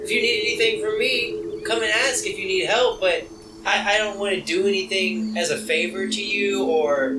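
A man's voice: high-pitched, steady tone, normal speed, background noise. A man playing a tabletop game, chatting casually in and out of character. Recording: echoey, distant mic, loud music.

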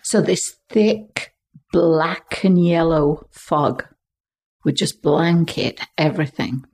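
An older woman from England, a podcast guest, telling vivid childhood stories expressively and hushing her voice for suspense. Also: deep voice, slow, husky. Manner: expressive, dropping to hushed tones for suspense.

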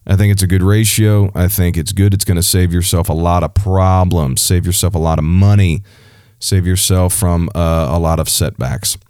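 Man, very low voice, earnest religious advice, conversational with fillers, dry close sound. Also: steady tone, normal speed, darkish tone, clear, resonant tone, no room sound. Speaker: pastor giving dating advice. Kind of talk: casual religious advice talk.

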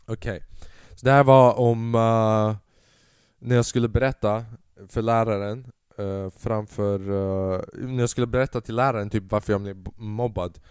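A young man hosting a solo comedy podcast, telling stories in animated bursts, acting out other people's voices and swearing freely. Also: fairly low pitch, smooth, no echo. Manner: animated storytelling, acts out his father and others in loud bursts, swears freely. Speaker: podcast host.

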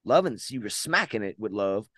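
A man's voice: on the low side, very animated, brisk, fairly bright tone, no echo. A man hosting a podcast over a video call, talking in a profane, boisterous, bragging way. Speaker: podcast host. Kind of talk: casual chat.

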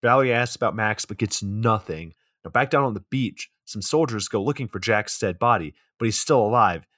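A man's voice: fairly low pitch, animated, brisk, fairly bright tone, no room sound. A man co-hosting a podcast, casually recapping a film plot with dry, profane asides. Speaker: podcast co-host. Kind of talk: casual movie recap chat.

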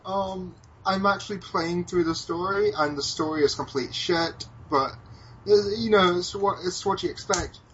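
A man's voice: sits high, normal speed, fairly bright tone, muffled recording, a little hiss or hum. An American man co-hosting a podcast, chatting casually, hesitant with many ums and restarts, swearing now and then. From United States. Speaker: podcast co-host. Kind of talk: casual chat about video games.

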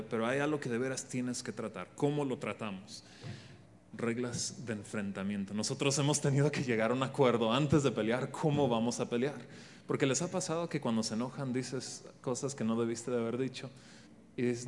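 Joking man advising an audience in a hall. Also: medium pitch. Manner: joking, conversational advice. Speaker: speaker on marriage, husband. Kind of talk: live talk to an audience. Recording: reverberant hall, faint background noise.

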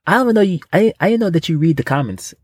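A man's voice: on the high side, animated, racing, slightly rough, no room sound, studio quality. A man co-hosting a podcast in casual comedic chat, rambling and repeating himself with boastful, street-casual phrasing. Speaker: podcast co-host.

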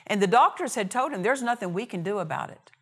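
A woman's voice: mid-range voice, expressive, fast talker, breathy edge. A woman preaching a sermon in a church, with emphatic repetition and short punchy phrases. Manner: emphatic, repeats key phrases, acts out quoted dialogue.

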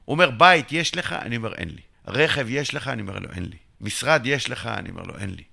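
A middle-aged entrepreneur from Israel speaks in a creaky, mid-range voice as he animatedly tells his business story to an interviewer. Acting out each side of the dialogue, he sometimes shouts.

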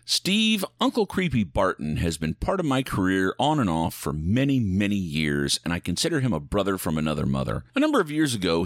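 A man narrates like the showman of a spooky ride, theatrical and tongue-in-cheek. His pitch leaps and dives dramatically as he draws out key words. The sound is dry, with no room around the voice. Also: dry recording. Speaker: host of a spooky show styled as a dark ride.

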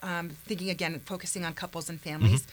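A woman's voice: on the low side, fast talker, a little hiss or hum, low-quality recording. A woman guest from a nonprofit, earnest and grateful, speaking with frequent fillers. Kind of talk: casual chat.

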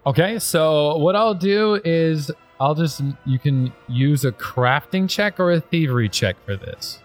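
A man's voice: a little high, lively intonation, a little slow, soft background music. A man acting as game master, casually narrating a tabletop role-playing game and explaining its rules.

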